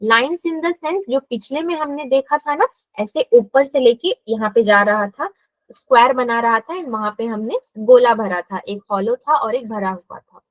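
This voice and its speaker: High-voiced woman teaching a math class. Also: measured pace, no room sound, low-quality recording. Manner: explains step by step, asks students questions. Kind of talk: live classroom lesson.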